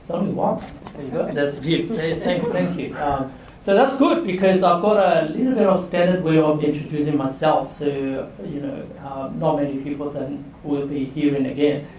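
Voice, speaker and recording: A man's voice: a little high, moderate pace, a little mellow, slight background noise. A man in his forties from Burma, a leadership coach giving a chatty workshop talk to students and asking them to raise their hands. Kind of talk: casual presentation to students. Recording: echoey room from far off.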